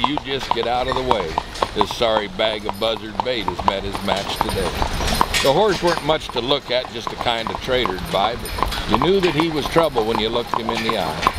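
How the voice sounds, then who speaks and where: Man, American cowboy twang, rustic drawl, mid-pitched, poetry recitation, heavy noise and clicks. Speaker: cowboy poet. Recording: very noisy live recording with clicks.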